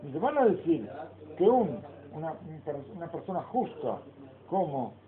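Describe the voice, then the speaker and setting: A man's voice: a little high, sing-song, moderate pace, crowd noise. A man, a rabbi teaching a Torah lesson. He reads Hebrew passages aloud, then explains them in with rhetorical questions. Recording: phone-like lo-fi recording of a class with people around.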